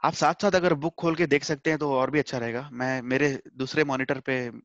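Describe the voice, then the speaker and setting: A man's voice: mid-range voice, fairly even intonation, brisk, a bit bright, dry recording, muffled recording. A man teaching a Hindi scripture class online from home, explaining patiently, repeating points and mixing in English words.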